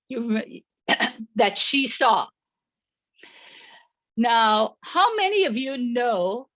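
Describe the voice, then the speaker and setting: A middle-aged woman gives a scripted webinar talk in a slow, measured way. Her voice sits fairly high and close to the mic, with no room around it. The audio is dull and lo-fi. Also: a bit bright, no room sound. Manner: measured, reads prepared remarks. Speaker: insurance agent presenting a webinar. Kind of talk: scripted presentation.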